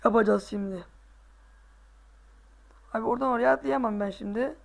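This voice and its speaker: A male gaming host giving casual let's play commentary, excitable, groaning and boasting to himself as he plays. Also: high voice, moderate pace, creaky.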